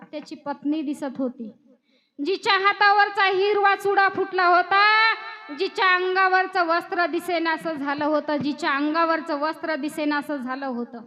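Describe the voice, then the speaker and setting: High bright woman preaching dramatically. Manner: dramatic, acts out voices, emotional swells. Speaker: kirtan preacher. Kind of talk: devotional storytelling sermon. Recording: dull lo-fi recording.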